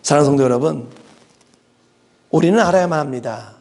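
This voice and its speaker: A middle-aged male pastor preaching a sermon, dramatic and full of rhetorical questions, swinging between loud emphasis and hushed asides. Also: a little high, fairly quick. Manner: asks the congregation rhetorical questions.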